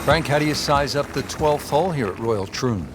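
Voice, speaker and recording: A man acting as a lead TV golf commentator, calling the play in a measured, polished announcer delivery. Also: medium pitch, expressive, lightly acted. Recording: loud music and crowd behind. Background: music, crowd.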